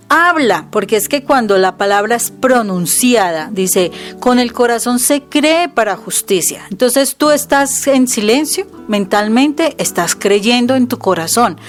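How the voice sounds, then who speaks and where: Woman, fairly high voice, earnest, explanatory, scripture quotes, faint music. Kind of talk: conversational teaching.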